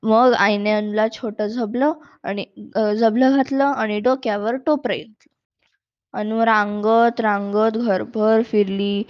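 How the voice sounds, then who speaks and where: A woman reads a children's story aloud expressively, with a fairly high voice and a very slow, unhurried pace. The recording is dry and close but sounds dull and lo-fi. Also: fairly even intonation, dry recording.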